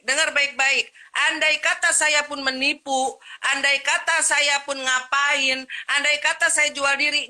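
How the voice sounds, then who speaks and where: A woman's voice: high voice, sharp tone. A woman telling her side of a family dispute, emphatic and scolding, firing off repeated rhetorical questions. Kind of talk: heated personal account to camera.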